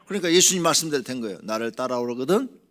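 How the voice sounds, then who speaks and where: A man, a senior pastor, preaching a sermon and telling a story with animated swings from loud exclamations to whispers. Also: rapid-fire. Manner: animated storytelling, acting out quotes with big swings in pitch and loudness; drops to a whisper at tender moments. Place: church sanctuary.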